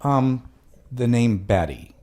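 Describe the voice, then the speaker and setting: Low-key male co-host asking questions. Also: expressive, takes it slowly, darkish tone. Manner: brief, questioning interjections. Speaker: podcast co-host. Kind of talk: casual podcast interview.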